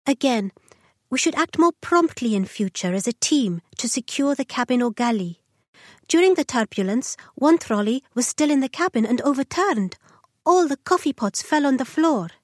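Course dialogue role, actress as conscientious female cabin attendant, careful diction, slightly high pitch, dry sound. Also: expressive, moderate pace, dry recording. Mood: apologetic, earnest. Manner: careful, earnest, clearly enunciated. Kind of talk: scripted language-lesson dialogue.

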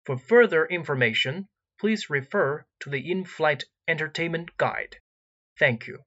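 A man's voice: fairly high pitch, bright, forceful tone, muffled recording. Formal male airline cabin announcer. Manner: formal, measured template reading with gaps for details. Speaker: in-flight announcer.

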